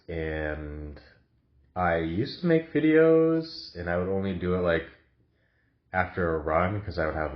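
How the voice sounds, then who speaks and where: In a lo-fi recording, a bass-voiced man with a cough films a casual, reflective vlog in his new apartment. He talks hesitantly, with lots of filler words.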